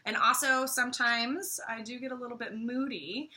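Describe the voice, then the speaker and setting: A bubbly American woman talks casually and playfully about everyday products, laughing easily. Her voice is very bright and forward. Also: a little high, steady tone, normal speed. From United States. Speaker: co-host.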